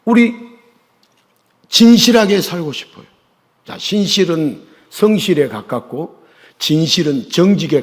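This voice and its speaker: A male pastor preaching a sermon in a church, firing questions at his congregation and pressing them to answer, swinging between loud emphasis and hushed asides. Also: a little high. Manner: call-and-response questioning of the congregation. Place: church sanctuary. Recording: long church reverb.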